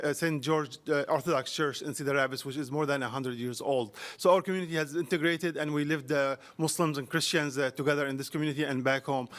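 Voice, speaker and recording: A man from Syria addresses a city council from the podium, pausing often and filling gaps with "uh" as he restarts sentences. His voice sits a bit high for a man. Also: fairly bright tone. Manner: halting, many fillers and restarts. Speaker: public commenter. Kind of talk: public comment at a council meeting.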